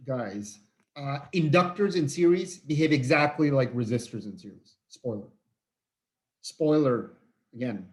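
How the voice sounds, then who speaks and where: A weary male physics teacher records an online lecture. He speaks informally, stopping and restarting his sentences often and filling the gaps with "uh" and "um". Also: mid-range voice. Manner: halting, many fillers and restarts, informal. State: tired, yawning.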